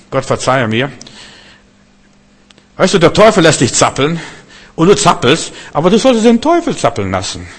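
A man preaching a sermon, swinging between loud proclamations and quiet, conversational asides. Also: a little high. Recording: long hall reverb.

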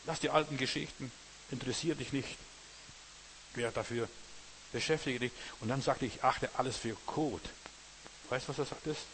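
A man's voice: mid-range voice, moderate pace, long pauses, a bit bright, a little hiss or hum. A man preaching a sermon in a folksy way, who keeps turning to the listener with "you know?" and "understand?". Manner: folksy, keeps asking "weißt du", "verstehst du".

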